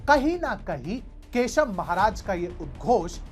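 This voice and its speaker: A woman delivers scripted commentary narration with emphatic, rhetorical force. Her pitch swings widely as she leans into each point, and soft music plays faintly underneath. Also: very animated, unhurried. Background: faint background music.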